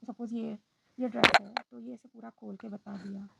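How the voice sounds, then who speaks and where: A woman's voice: a little high, fairly even intonation, normal speed, creaky, very noisy. A woman vlogger telling a personal story in a reflective, hesitant way, often slipping into English phrases.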